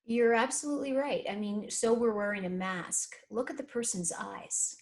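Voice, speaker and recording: A woman, a life and career coach telling stories in an interview, animated and acting out the voices of people she quotes. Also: on the high side, moderate pace, a little hiss or hum. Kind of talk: conversational interview storytelling.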